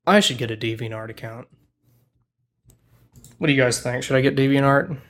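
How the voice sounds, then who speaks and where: A man's voice: medium pitch, a little fast, a bit bright. A man running a casual game stream and interviewing guests. He teases and jokes with a dry, playful delivery. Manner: joking, teasing interviewer. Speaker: stream host.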